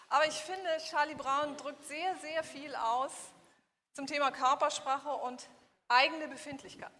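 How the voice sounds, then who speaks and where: A woman leading a body-language workshop in a hall, lively and full of questions to her audience, acting out little examples as she goes. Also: sits high. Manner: animated, asks the audience questions and acts out examples. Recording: reverberant hall, faint room noise.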